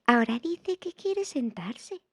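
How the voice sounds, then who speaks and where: A woman voicing a sweet little girl in a children's storybook, speaking in a high, gentle, childlike way. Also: big pitch swings, slow pace, breathy edge, no room sound, clean studio sound, full character voice.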